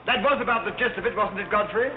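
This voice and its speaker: An actor playing a jovial society gentleman in 1930s film screwball comedy banter, bluffing his way along with stammers. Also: high-pitched, fast, lightly acted. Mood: improvising, bluffing. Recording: muffled 1930s film soundtrack, music behind.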